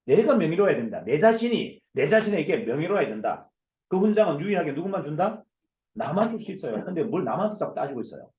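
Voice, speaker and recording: Loud, emphatic man lecturing over echoey call. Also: on the high side, highs cut off. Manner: loud, emphatic, hammering rhetorical questions. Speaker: company CEO giving a business lecture. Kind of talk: forceful motivational lecture. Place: online video session. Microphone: video call.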